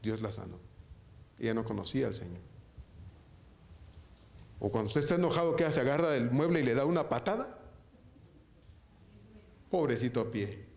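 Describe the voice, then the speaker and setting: A man's voice: medium pitch, animated, normal speed, vocal fry, pauses often, darkish tone. A man preaching a sermon as pastor in a church, asking the congregation rhetorical questions and calling them brother. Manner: rhetorical questions with frequent tag questions; addresses listeners directly as brother.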